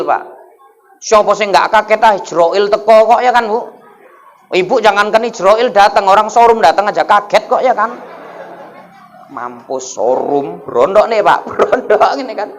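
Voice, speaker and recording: A man's voice: sits high, moderate pace. A man, preaching a humorous sermon in a mosque and often calling out to the crowd for replies. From North Sumatra, Indonesia. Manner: jokey, keeps asking the crowd for replies.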